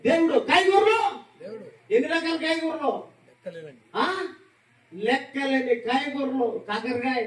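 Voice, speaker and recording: A male pastor preaching with impassioned fervor, firing off rhetorical questions and breaking into shouts. His voice sits very high for a man and is picked up from a distance in an echoey church hall. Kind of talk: sermon. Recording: echoey room, distant mic.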